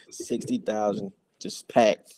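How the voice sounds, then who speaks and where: Speaking slowly in a lowish voice on a dry recording, a young adult from around Chicago who plays college football chats easily as an interview guest. He's laid-back and tends to let his sentences fade softly.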